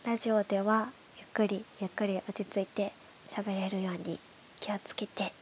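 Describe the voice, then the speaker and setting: A woman with a stuffed-up, nasal voice from hay fever, hosting a bedtime radio show in soft, breathy, casual chat that often drops toward a whisper. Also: mid-range voice, level tone, moderate pace. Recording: clearly audible background hiss.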